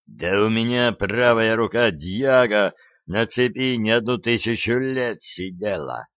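A man reads aloud as a blustering wizard, hissing threats, his voice low and a touch raised when angry. The recording is dull and dry, like an old audiobook. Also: lively intonation, unhurried, no room sound. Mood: threatening. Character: wizard vice-rector, frightened then menacing.

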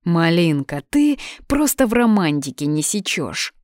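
A woman's voice: fairly low pitch, sing-song, measured pace, darkish tone, dry recording, clean studio sound. A woman voicing a cocky young male student who jokes and teases. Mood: teasing. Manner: teasing, playful.

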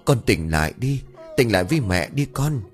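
A man voicing an older man who wails loudly like a grieving mother, melodramatic and keening. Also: lowish voice, very animated, moderate pace, soft background music. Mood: wailing.

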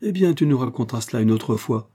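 A man's voice: mid-range voice, animated, quick pace, dark tone, lightly acted. A man voicing a composed, kindly inventor in an audiobook. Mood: calm. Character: calm, amused middle-aged male inventor.

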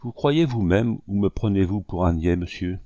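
A cold, ironic young officer , played by a man reading aloud, answers with open contempt. The tone is dark and low. It sounds dry and close to the mic. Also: lively intonation, normal speed, dry recording. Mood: disdainful. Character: young disdainful male army captain. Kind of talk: audiobook character reading.

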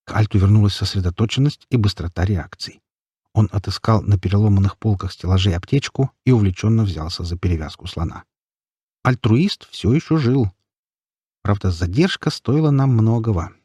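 Low husky male audiobook narrator. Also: normal speed, dark tone, dry recording. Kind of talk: first-person audiobook narration.

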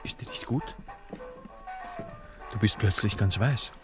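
An actor playing a gruff, blunt grown man in a radio play, speaking plainly and bluntly. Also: lowish voice, a little slow, over loud music. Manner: blunt, lively intonation.

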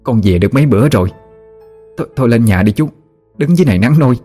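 Một người đàn ông giọng miền Nam lồng tiếng một phụ nữ nông thôn hiền hậu, hỏi han dồn dập. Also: male voice, mid-range voice, animated, dark tone, soft background music, lightly acted. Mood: fussing. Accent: Southern Vietnamese. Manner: fussing, rapid questions. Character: tearful doting country woman.

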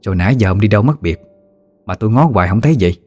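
A man's voice: lowish voice, expressive, rapid-fire, a little mellow, faint music behind. A man voicing a bold, teasing middle-aged country wife, with a Southern Vietnamese accent. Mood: soothing.

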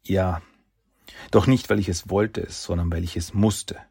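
A man voicing a calm young ninja who is a protective older brother, speaking gently and steadily. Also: sits low, a little slow, vocal fry, slightly rough, full character voice. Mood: serious.

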